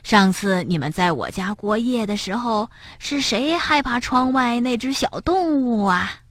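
A woman voicing a kind, gentle old grandmother bear in a children's storybook, speaking softly and soothingly. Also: lively intonation, unhurried, no echo. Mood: gently teasing. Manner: soft, soothing, lowered voice.

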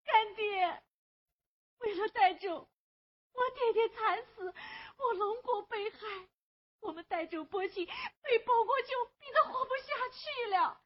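In a Huangmei opera stage performance, a woman plays a young woman earnestly and tearfully pleading for justice. Her very high voice moves at a measured pace, captured on a dull lo-fi recording.

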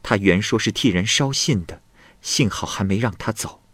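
A man's voice: lowish voice, moderate pace, fairly bright tone, slightly rough, no echo. A man voicing a sorrowful young woman ghost who sighs and laments her fate. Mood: mournful. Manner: sighing, lamenting.

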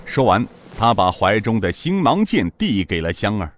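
A man's voice: on the low side, big pitch swings, moderate pace, a little hiss or hum. A man narrating a serialized martial-arts story in a dramatic, rhythmic style.

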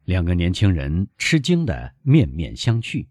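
A man narrating a novel aloud in a measured storytelling manner. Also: deep voice, wildly swooping pitch, darkish tone, dry recording, clean studio sound. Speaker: audiobook narrator. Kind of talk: scripted narration.

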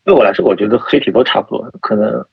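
A man's voice: lowish voice, quick pace, vocal fry, slightly rough, no echo. A man speaking as a podcast guest, thinking aloud with many fillers and restarts. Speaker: guest, type researcher. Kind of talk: casual podcast conversation. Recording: dull lo-fi sound.

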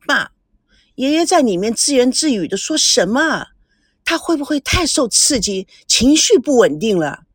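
A woman voicing a chatty, cheeky young girl who talks in a perky, teasing way, with a breathy, dry sound. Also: a little high, very animated, normal speed, dry recording, pitched above the performer's own voice.

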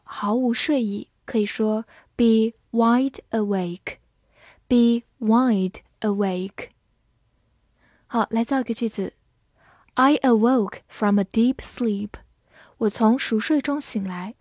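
This English vocabulary teacher's voice sits a little high with a darkish tone. She spells each word letter by letter and reads example sentences slowly for learners, recorded dry with clean studio sound.

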